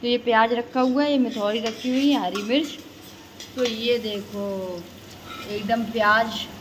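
A woman's voice: fairly high pitch, steady tone, unhurried. A young woman, chatting to viewers while she vlogs her arrival and her cooking in a hostel kitchen. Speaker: vlogger. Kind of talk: casual vlog narration. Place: hostel room and kitchen, indoors. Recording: noisy phone recording.

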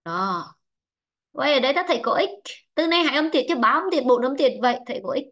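A woman teaching English online, explaining word-stress rules slowly and repeating herself with many fillers. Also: sits high, expressive, a bit bright. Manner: repetitive, drawn-out explaining with frequent fillers. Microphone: online lesson mic.

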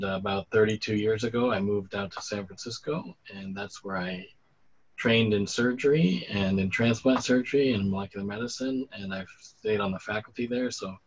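A man's voice: on the low side, slightly rough. A man in his fifties, a transplant surgeon, speaking casually about himself as a panel guest over a video call. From United States, Boston area. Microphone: computer mic on video call. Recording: dull lo-fi video call audio.

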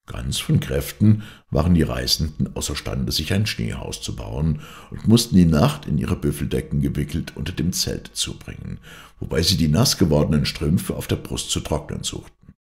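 A man reading a classic adventure novel aloud as an audiobook narrator, in a steady, measured way. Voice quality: very deep, gravelly voice. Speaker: audiobook reader.

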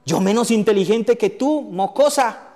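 A man's voice: high-pitched, a little slow, a little mellow. A man voicing a taunting, mocking female snake who gloats over her prey. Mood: scornful. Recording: echoey hall, faint music.

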